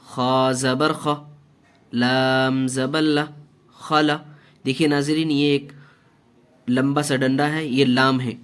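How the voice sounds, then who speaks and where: A man teaching Quran reading, spelling out syllables slowly and deliberately, with short asides to viewers. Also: mid-range voice. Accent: Indian Urdu-Hindi. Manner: slow, deliberate syllable-by-syllable drilling, even tone. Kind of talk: spelling-out Quran recitation lesson.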